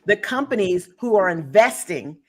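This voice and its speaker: A woman with a mid-range voice and lively intonation speaks at a moderate pace. She's a podcast host and author hosting a talk show, discussing things casually in an emphatic, storytelling style full of asides.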